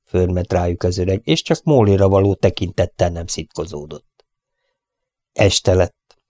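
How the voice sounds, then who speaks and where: A man reading an audiobook in a calm, measured way. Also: sits low, dry recording, studio quality. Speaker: audiobook narrator. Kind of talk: audiobook narration.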